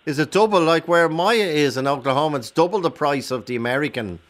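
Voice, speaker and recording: A man's voice: a little high, fast, fairly bright tone. A man with an Irish accent hosting a radio phone-in, chatting casually and probing callers with short questions. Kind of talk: casual interview chat.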